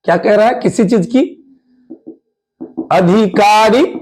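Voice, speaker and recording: A man's voice: high voice, takes it slowly, darkish tone, low-quality recording. A man teaching an exam-prep English grammar lesson, drawing out his explanations and asking his students repeated questions.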